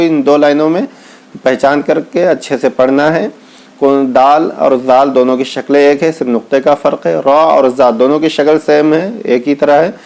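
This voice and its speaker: A man teaching Quran letter reading. He calls out each Arabic letter slowly and then explains patiently, with speech. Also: mid-range voice, vocal fry, a little mellow. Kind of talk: slow step-by-step lesson.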